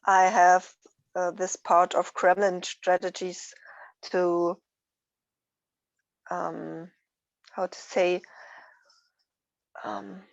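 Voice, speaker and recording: A woman from Switzerland, sharing her personal experience in a group, hesitant and thoughtful with many pauses. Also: fairly low pitch, little pitch movement, no echo, muffled recording. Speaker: workshop participant.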